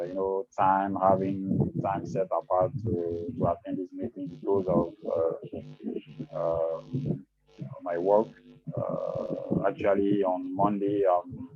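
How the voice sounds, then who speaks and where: Male guest speaker, Ivorian accent, low register, slow and halting delivery, informal self-introduction. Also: muffled recording. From Ivory Coast. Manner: halting, repeats words. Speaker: first-time guest at a meeting.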